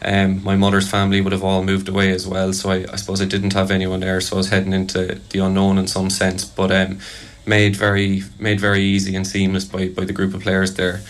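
Young male Irish athlete, soft neutral accent, deep monotone, hesitant and measured in interview. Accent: soft, fairly neutral Irish. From Kerry, Ireland. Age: young adult. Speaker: Gaelic football player being interviewed. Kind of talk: casual interview answers.

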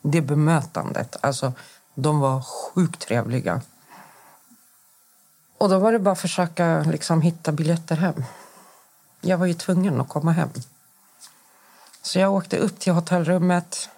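Her voice sits low and dark, and she pauses often. She is a podcast guest from Sweden in her forties, recounting a personal story in detail during a conversation, performing the lines she quotes and frequently abandoning sentences to restart them.

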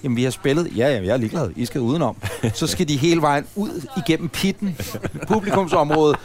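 A man chatting casually on a podcast recorded in a café, telling a long, rambling anecdote. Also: fairly high pitch. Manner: rambling, animated anecdote-teller. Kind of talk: casual storytelling chat.

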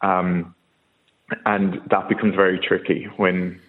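A man with an Irish accent from Kerry giving a personal account in a radio interview, speaking in a hesitant, halting way. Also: deep voice, little pitch movement. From Kerry, Ireland. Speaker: radio phone-in guest. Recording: muffled narrow-band call.

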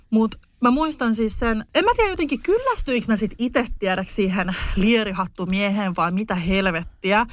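Young woman, podcast co-host, casual lively storyteller, dry recording. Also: no echo. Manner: animated, lively storyteller with sudden high outbursts.

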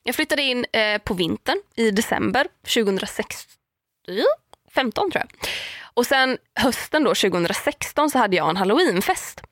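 A young woman casually telling a story on a podcast, lively, with many fillers and acted-out quotes. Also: a little high, no echo, clean studio sound.

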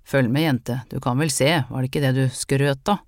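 A reader doing a gruff old healer woman. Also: mid-range voice, steady tone, darkish tone, dry recording, clean studio sound, lightly acted. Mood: stern. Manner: gruff, matter-of-fact commands. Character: stern old woman folk healer, brusque. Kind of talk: audiobook character reading.

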